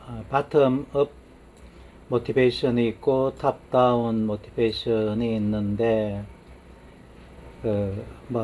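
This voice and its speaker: Man lecturing, mellow tone, unhurried, lots of little yeses, faint background hiss. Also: mid-range voice. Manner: unhurried, frequent affirming "yes" and trailing asides while pointing at slides. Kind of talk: lecture on brain science.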